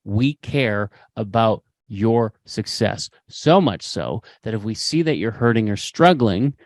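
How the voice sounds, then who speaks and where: A man's voice: lowish voice, expressive, measured pace, no echo. Impassioned male podcast host, dry sound. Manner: impassioned, preachy, repeats phrases for emphasis. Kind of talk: motivational podcast talk.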